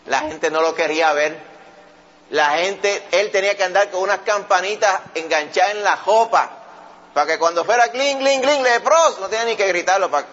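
A male preacher delivers a sermon in a lively, storytelling way, often calling out to his brother listeners. His voice sits a bit high. The recording sounds dull and lo-fi. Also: moderate pace.

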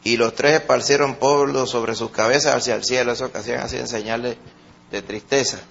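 A man with a Puerto Rican accent preaching a sermon, swinging between loud emphatic peaks and soft, low asides. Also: fairly even intonation, brisk, creaky, lo-fi sound, slight background noise.

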